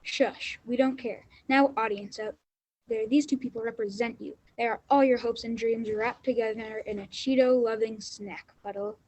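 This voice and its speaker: A woman's voice: a little high, fairly even intonation, normal speed, darkish tone, dry recording, close to an everyday voice, rough recording. Woman as bossy comic show narrator. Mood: brisk, bossy. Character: brisk, bossy storybook narrator and show host.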